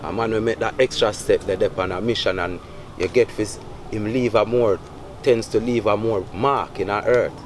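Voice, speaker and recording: Low-voiced Jamaican man talking Rasta patois. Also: fairly even intonation, moderate pace, slight background noise. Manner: Rasta patois speech, explanatory. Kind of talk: casual Rastafari reasoning.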